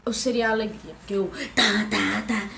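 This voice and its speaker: A woman's voice: medium pitch, fairly even intonation, moderate pace, vocal fry. A woman answering tag questions in a casual vlog, playful and jokey, making little sound effects. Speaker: vlogger. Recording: echoey room with faint background noise.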